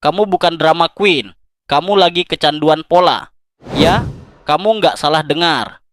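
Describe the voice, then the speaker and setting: A man's voice: a little high, measured pace, a bit bright, no room sound, clean studio sound. Intimate, dramatic male self-help narrator. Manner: dramatic, intimate direct address to the listener. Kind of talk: scripted motivational narration.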